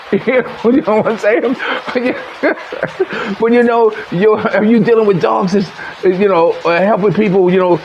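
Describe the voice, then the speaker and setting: A man's voice: high voice, a little hiss or hum, poor audio. A man vlogging in a casual, rambling storytelling monologue, full of fillers and restarts and chuckling at his own stories. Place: living in the Philippines.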